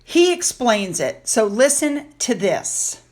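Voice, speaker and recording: A woman's voice: fairly high pitch, very animated, takes it slowly. A woman talking casually over photos in a chatty, gossipy commentary with sighing asides. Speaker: royal news vlogger.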